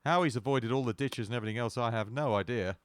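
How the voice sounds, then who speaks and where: A man's voice: mid-range voice, fast, clean tone, dry recording. Male sports commentator, mid-range voice, dry understated humour. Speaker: golf commentator.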